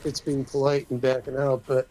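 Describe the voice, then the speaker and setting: A man's voice: mid-range voice, completely flat delivery, moderate pace, mellow, a little hiss or hum, rough recording. A man hosting a casual spiritual chat, rambling with many restarts and trailing off.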